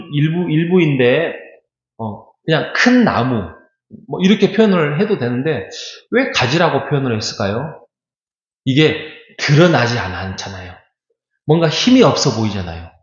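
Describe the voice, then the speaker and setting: A middle-aged man preaching a sermon as pastor, talking conversationally and asking the congregation rhetorical questions. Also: medium pitch. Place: church sanctuary. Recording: echoey church hall, dull lo-fi sound.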